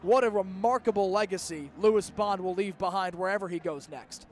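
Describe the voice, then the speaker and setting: An American man in his twenties does live radio play-by-play for a football game, delivering crisp, detail-packed phrases. His voice sits high and moves fairly quickly, with slight background noise.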